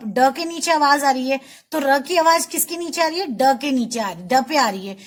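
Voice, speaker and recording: High-pitched female teacher for a kids' spelling lesson; patient, sounds out each syllable slowly and has the class repeat. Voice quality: slow, drawn-out syllable-by-syllable pronunciation. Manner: patient, repeating words for children to echo. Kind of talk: Hindi spelling lesson for children.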